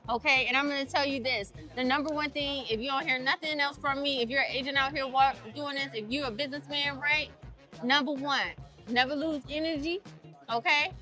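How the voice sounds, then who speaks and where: A woman from Maryland, USA, who owns an insurance agency, appears as a guest on a podcast for a casual chat. Her high-pitched, bright, forceful voice is brisk with fairly even intonation, and she's emphatic and punchy, repeating points for force over soft background music.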